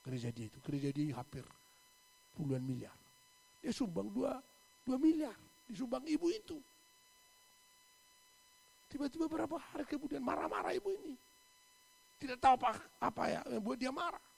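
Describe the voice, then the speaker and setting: A male pastor preaching a sermon, telling stories dramatically and acting out the people in them with sudden loud bursts. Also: extremely high pitch, very animated, moderate pace, creaky, long pauses, breathy edge. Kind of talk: sermon with storytelling. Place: church.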